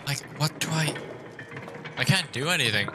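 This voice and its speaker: A man's voice: on the high side, animated, moderate pace, noisy background. A young man commenting on his gameplay live from a small room, rambling and confused, stumbling over repeated words. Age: young adult. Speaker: streamer. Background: game music.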